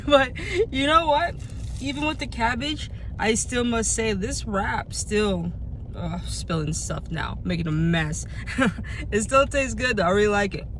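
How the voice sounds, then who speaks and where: A young woman chatting casually through a food vlog, talkative and animated, laughing often. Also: a little high, measured pace, slight background noise. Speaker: vlogger. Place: in her car, then at home.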